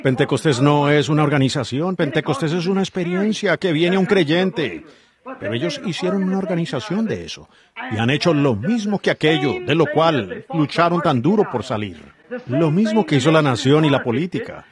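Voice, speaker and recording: A man with a fairly high voice gives a sermon in simultaneous interpretation, swinging his pitch up and down as he preaches with emphasis. He keeps asking the listeners rhetorical questions. A congregation is clearly heard behind him. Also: sing-song, normal speed, crowd noise.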